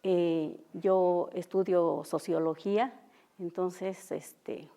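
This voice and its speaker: A young woman who speaks Mixtec natively, teaching an unscripted language class in an auditorium, halting with many fillers and repeating example sounds. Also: fairly low pitch, steady tone, mellow. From Oaxaca, Mexico. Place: university auditorium.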